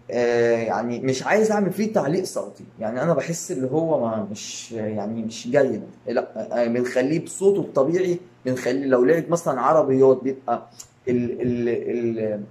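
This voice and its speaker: Fast-talking Egyptian man vlogging. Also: medium pitch, dark tone. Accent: Egyptian Arabic. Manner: rambling, many fillers and restarts. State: tired. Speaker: YouTube channel host. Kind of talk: casual channel update to viewers.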